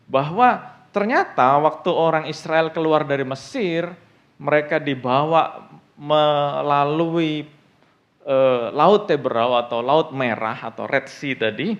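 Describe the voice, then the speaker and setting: Preacher, male, Indonesian accent, gravelly and slightly high voice, muffled lo-fi recording. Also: slow. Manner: animated, rhetorical questions to the congregation. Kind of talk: sermon. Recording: dull lo-fi sound.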